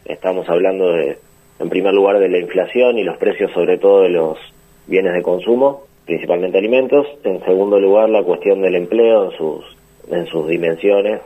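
A sociologist giving measured interview answers, laying out points in order. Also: male voice, deep voice, narrow, tinny audio.

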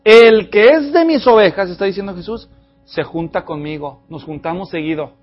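High-voiced pastor preaching. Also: male voice, moderate pace, muffled recording, faint music behind. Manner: animated, addresses the congregation directly. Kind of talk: expository sermon.

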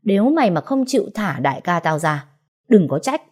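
A woman's voice: fairly low pitch, big pitch swings, brisk, mellow. A woman voicing a menacing male thug who growls blunt threats in speech, as an audiobook character.

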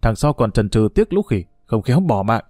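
A gruff older village man complains bluntly in a dark, mellow voice, voiced by a man reading the story. The sound is dry and close, with faint music behind. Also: medium pitch, sing-song, moderate pace, no room sound. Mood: grim.

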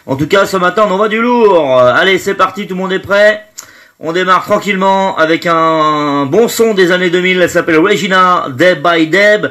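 At normal speed, a man with a high-pitched, bright, forceful voice hosts a live stream from home, nose blocked by hay fever. He chats easily, greeting each viewer by name, and his sentences trail away into fillers.

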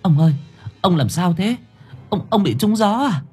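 A man's voice: sits high, lively intonation, normal speed, darkish tone, breathy edge, faint music behind, pitched above the performer's own voice, full character voice. A man voicing a grief-stricken elderly village wife, choked and pleading. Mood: distraught.

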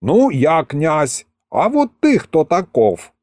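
A man voicing a gruff, wary bearded prince who speaks in old-fashioned phrasing. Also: on the high side, wildly swooping pitch, slow, a little mellow, dry recording, clean studio sound, voice pushed up, heavily acted.

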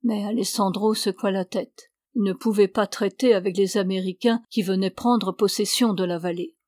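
A woman narrating a novel as an audiobook in a steady, measured reading. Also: mid-range voice, dry recording, clean studio sound.

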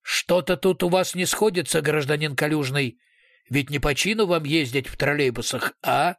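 A man's voice: on the high side, expressive, measured pace, creaky, no echo, studio quality, exaggerated voice. A man voicing a brutal male police investigator who switches between sugary politeness and snarling threats. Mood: mock-polite.

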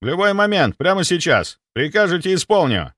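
A man's voice: high-pitched, big pitch swings, fairly quick, fairly bright tone, no room sound, studio quality, pitched above the performer's own voice. A man voicing an overeager, blindly obedient male security chief who barks his lines in military style. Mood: barking eager. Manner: barking, military, overzealous.

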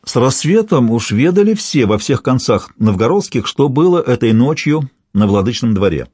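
A man narrating a historical novel in steady scripted storytelling. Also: medium pitch, normal speed, slightly rough, no room sound, clean studio sound. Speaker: audiobook narrator.

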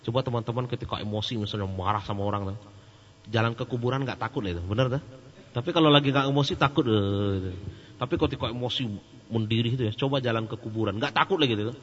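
A man giving a casual question-and-answer sermon, joking and animated. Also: mid-range voice, fast, in a large hall. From Sumatra. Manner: joking and animated, laughs at his own jokes. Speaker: Islamic preacher. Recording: muffled lo-fi recording with faint hum.

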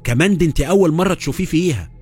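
A man's voice: on the high side, expressive, racing, darkish tone, soft background music, close to an everyday voice. A man voicing a teasing, dismissive young woman in Egyptian Arabic, in a spoken horror story. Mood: mocking. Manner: teasing, scornful.

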